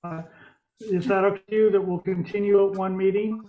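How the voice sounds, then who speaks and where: A man's voice: sits high, little pitch movement, fairly quick, phone-quality sound. A man chairing a meeting over a conference call that breaks up, plain-spoken with dry asides. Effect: conference call audio, breaking up. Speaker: board chair.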